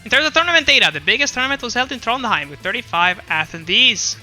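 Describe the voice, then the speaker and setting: A man's voice: extremely high pitch, big pitch swings, fast talker, bright, forceful tone, soft background music. A man casually presenting a recap slideshow, reading out results with chatty, self-deprecating asides and laughs at his own jokes. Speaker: presenter of a regional esports recap.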